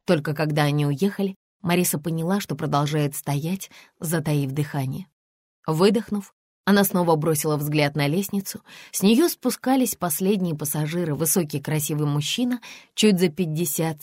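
A woman reads a novel aloud in a low, measured voice. The recording is dry and close, with no room sound. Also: darkish tone, no room sound. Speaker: audiobook narrator. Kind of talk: scripted narration.

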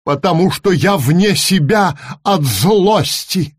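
A man's voice: sits high, lively intonation, takes it slowly, slightly rough, dry recording, clean studio sound, voice pushed up, exaggerated voice. A man voicing a hot-tempered, stubborn little girl witch in a storybook reading. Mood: angry. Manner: defiant, petulant.

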